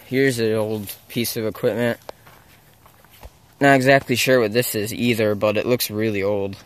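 A man's voice: lowish voice, steady tone, moderate pace. Young man narrating a woodland walk. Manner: rambling, unsure, self-correcting. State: walking while talking. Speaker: explorer filming abandoned sites. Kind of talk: casual walking vlog narration. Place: outdoors in a forest. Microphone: handheld camera mic.

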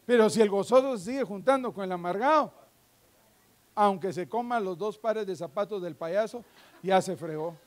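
Very high-voiced preacher man. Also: normal speed. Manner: fervent preaching with joking asides, swinging between loud and hushed. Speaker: pastor. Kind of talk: live sermon. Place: church sanctuary. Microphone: handheld microphone.

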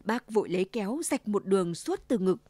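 A woman narrating a fairy tale as a scripted storybook reading, expressive and acting out each character. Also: mid-range voice, fairly quick, no echo. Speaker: storyteller for a provincial broadcaster.

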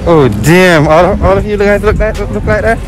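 A man's voice: high voice, normal speed. A young man hosting a teasing street interview at night, repeating his questions. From Jamaica. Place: busy beach promenade at night, outdoors. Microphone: handheld mic. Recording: loud crowd and music outdoors. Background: music and crowd.

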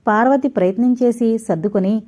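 A woman narrating an audio novel in a steady, measured reading. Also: fairly high pitch.

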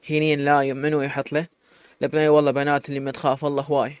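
A man's voice: a little high, monotone, racing, clear, resonant tone, no room sound, close to an everyday voice. A man with an Iraqi accent voicing a kindly, curious young woman who asks sympathetic questions. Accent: Iraqi Arabic.

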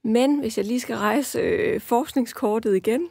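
A woman's voice: fairly high pitch, vocal fry, mellow, husky. A woman researcher explaining her view in a panel discussion, hesitant, with many fillers and restarts.

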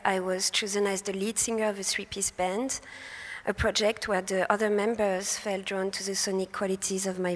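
On a festival stage in a big hall, a young French-accented woman from France speaks into a handheld mic at a lectern, giving a prepared research presentation. Her soft, airy, mid-range voice is hesitant, with fillers and occasional self-corrections, and the hall's reverb lingers long.

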